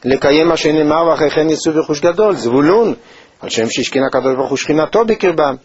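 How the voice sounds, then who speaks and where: A man teaching a Torah lesson in a measured, thoughtful way, with pauses and hesitations. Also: on the high side, breathy edge, no echo. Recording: dull, lo-fi recording.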